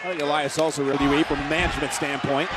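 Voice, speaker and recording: A man giving dramatic, excitable live play-by-play as a wrestling commentator. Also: on the high side, fast, over a noisy crowd, heavy background noise.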